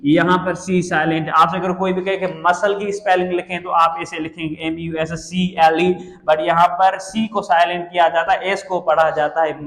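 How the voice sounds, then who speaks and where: A man teaching an English lesson, slowly repeating words and spelling out their letters one by one. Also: high-pitched. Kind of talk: classroom lecture. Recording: echoey room with long reverb.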